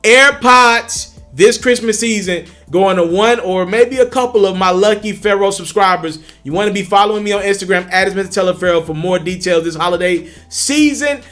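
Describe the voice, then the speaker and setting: A man's voice: high-pitched, a little fast, hardly any pauses, fairly bright tone, faint music behind. A man giving blunt, slangy hip hop commentary in a casual conversational way, sounding out of breath. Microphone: earbuds.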